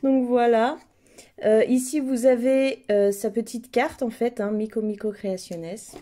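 A woman with a fairly high, mellow voice hosts a casual unboxing. She talks with a mouth numb from the dentist, slightly impeded, and is effusive in her admiration. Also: fairly even intonation, a little slow, a little hiss or hum. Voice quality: numb-mouthed, slightly impeded speech after dental extraction. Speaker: host of unboxing videos.

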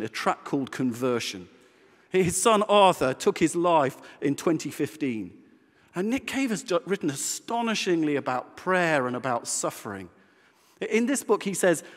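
A man preaching a sermon in a conversational, animated way, with self-deprecating humor. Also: on the high side. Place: church. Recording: church hall reverb.

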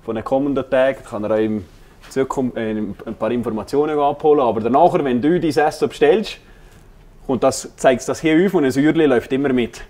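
Middle-aged restaurant boss, easygoing, explains with lots of "äh". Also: male voice, medium pitch, a little fast, warm tone. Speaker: restaurant owner. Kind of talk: casual chat. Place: indoors in a hotel kitchen.

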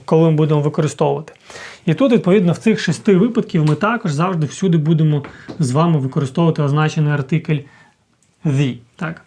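A man's voice: fairly high pitch, a little mellow. A man who teaches English, explaining a grammar point step by step and checking in with viewers as he goes. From Ukraine. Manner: talks to viewers directly, with many fillers and "так?" checks. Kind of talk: explanatory lesson, thinking aloud.

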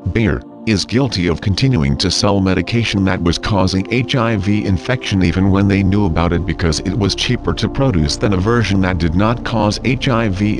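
A man reading a scripted protest statement in a disguised deep voice, grave and declamatory. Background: background music.

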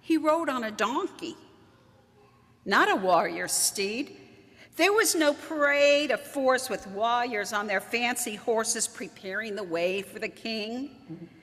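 A woman pastor preaches with a lively, swooping delivery and a bright, forceful edge, dropping in dry, wry asides. Her voice rings out in a church sanctuary with a long, hanging reverb. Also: fairly high pitch, takes it slowly. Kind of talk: sermon.

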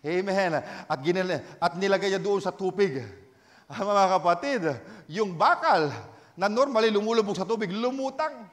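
A male pastor preaching a sermon in Tagalog and English, swinging between shouted exhortation and hushed storytelling, with frequent amens. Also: high-pitched, normal speed, big-room sound. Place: church.

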